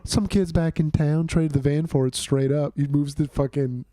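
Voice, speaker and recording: A man's voice: fairly high pitch, fairly even intonation, normal speed, dark tone, no echo. A man hosting a casual sports watch-along stream, swearing and laughing often into a headset mic. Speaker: livestream host.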